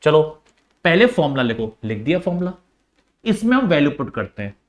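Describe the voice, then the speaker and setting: A man's voice: a little high, big pitch swings, brisk. A male teacher working through a maths lesson step by step, coaxing and repeating the key points straight to his students.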